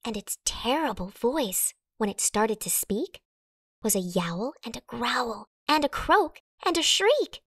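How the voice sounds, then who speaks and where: A woman reads a rhyming children's story in a fairly high voice. Her delivery is very animated and dramatic, recorded close and dry. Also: takes it slowly, slightly rough, no echo. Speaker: storybook narrator. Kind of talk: expressive children's read-aloud in rhyme.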